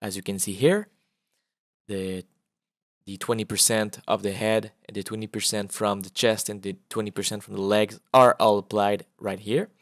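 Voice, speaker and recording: A man's voice: fairly low pitch, normal speed, no echo. Man, game dev demoing his prototype, easygoing, fills gaps with "uh", dry close recording. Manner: relaxed, with frequent "uh" fillers. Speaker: indie game developer. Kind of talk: casual gameplay walkthrough.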